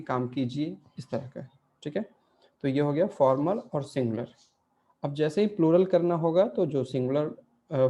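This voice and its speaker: A man's voice: fairly high pitch, dark tone. A man teaching an online language class, explaining grammar step by step and answering his own questions.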